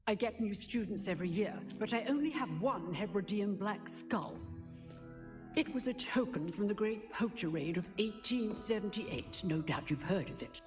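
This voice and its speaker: A woman performs an elderly witch professor from a video game, stern and proud of old exploits. Her delivery is crisp and commanding, with animated swings in pitch. Music plays behind her. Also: normal speed, natural voice. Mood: proud, dry. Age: older. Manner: crisp, commanding, theatrical storytelling. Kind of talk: video game character acting.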